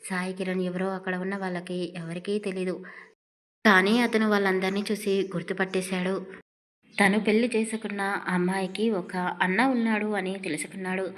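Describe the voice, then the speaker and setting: A woman's voice: mid-range voice, flat delivery, fairly quick. Woman storyteller, scripted narration of a romantic audio story, emotive and dramatic delivery.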